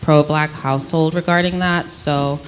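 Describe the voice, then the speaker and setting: A woman with an Antiguan accent tells personal stories in a candid, halting, conversational way. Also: low-pitched, steady tone, slight background noise. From Antigua, Caribbean. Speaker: interviewee. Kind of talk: reflective personal storytelling in conversation.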